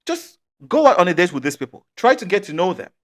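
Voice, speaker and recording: A man's voice: high voice, very animated, fast talker, a bit bright. A man with a Nigerian accent hosting a casual chat, emphatic and often laughing as he makes his points. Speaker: podcast host.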